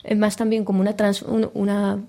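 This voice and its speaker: Mellow, flat-voiced woman interviewer. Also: medium pitch, fairly quick, creaky. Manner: thoughtful, winding questions. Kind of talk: casual interview.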